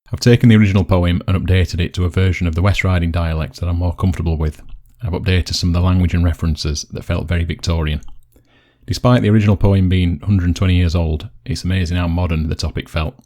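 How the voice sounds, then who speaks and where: A man's voice: low-pitched, a little mellow. A man with a West Yorkshire accent presenting and reciting dialect poetry.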